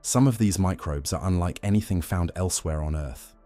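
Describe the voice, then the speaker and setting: A man narrating a scripted nature documentary in a measured, explanatory manner. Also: low-pitched, mellow, no echo. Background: background music.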